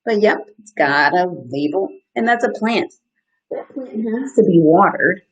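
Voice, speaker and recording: This woman, in her thirties and working as an outdoor educator, hosts story time for kids from a small room, stopping now and then to ask questions and explain simply and encouragingly. Her medium-pitched voice is lively and slightly rough. The live stream comes from a webcam at desk distance, and the audio quality is low.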